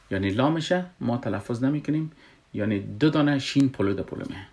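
Male recitation teacher, lowish voice, patient and repetitive explainer. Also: darkish tone. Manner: patient, repeats himself, asks rhetorical questions. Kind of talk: explaining a lesson.

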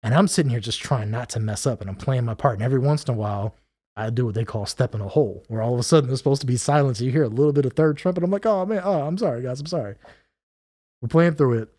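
A man spins a lively, casual story on a podcast. His voice sits at a middle pitch and swings high when he acts out other people's lines or scats a melody. The recording is dry and close. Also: rapid-fire, husky, no room sound. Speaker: podcast guest.

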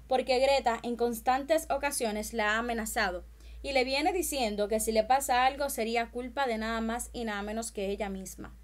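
A woman hosting a telenovela recap channel, talking straight to the viewer in a chatty way with small stumbles. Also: fairly high pitch.

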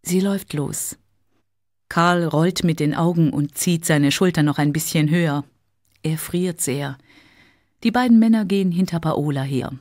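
Woman reading a story real slow and clear, lowish voice, dry close mic. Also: darkish tone, no room sound. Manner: clear, careful. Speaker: narrator. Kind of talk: slow storybook narration for learners.

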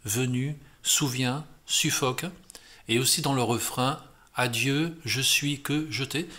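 Patient French guitar teacher, bright voice. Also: male voice, mid-range voice. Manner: patient, step-by-step, counting beats aloud. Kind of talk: guitar lesson explanation.

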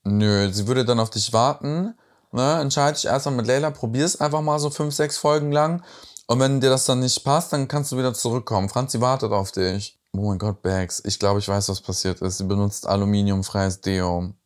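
A man's voice: mid-range voice, steady tone, normal speed. A young man hosting a reaction video, commenting casually and teasingly on a reality show. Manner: chatty and teasing, tag questions.

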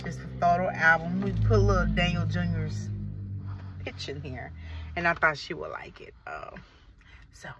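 A woman's voice: lowish voice, lively intonation, normal speed, pauses often, far from the mic. A middle-aged woman with a Midwestern American accent, chatting to viewers in a rambling, casual vlog. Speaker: vlogger. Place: inside a parked car. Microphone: phone held at arm's length. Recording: muffled phone audio with light car noise.

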